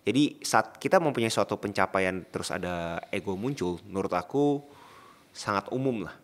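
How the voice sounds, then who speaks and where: A man's voice: lowish voice, expressive, moderate pace. A man co-hosting a podcast, talking casually in slang and putting probing questions to his partner. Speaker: podcast co-host.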